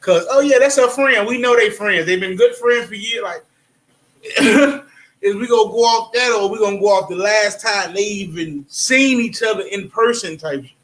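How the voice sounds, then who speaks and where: A man co-hosting a casual gossip chat, slangy and quick to laugh, repeating his points. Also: high voice, a bit bright.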